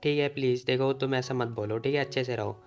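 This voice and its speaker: A man reading the lines of a playful, teasing young woman in his own everyday voice, slowly and with a faint music bed. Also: medium pitch, steady tone, lightly acted.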